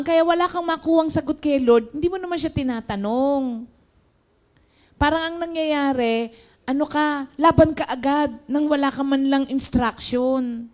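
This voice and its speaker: A woman's voice: high-pitched, a little mellow. A woman preacher giving a conversational sermon, mixing in English and calling her listeners brothers and sisters.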